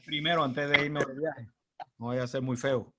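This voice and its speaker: A Puerto Rican man with a Puerto Rican Spanish accent speaks in a mid-range, steady voice at a moderate pace while a crowd murmurs behind him. He's a guest speaker at a club meeting, giving an informal, humorous, chatty presentation and tossing rhetorical questions at the audience.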